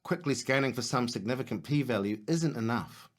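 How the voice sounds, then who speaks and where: A man's voice: medium pitch, normal speed, lightly acted. A man playing an earnest surgical lecturer. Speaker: clinical researcher leading a workshop. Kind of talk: scripted presentation.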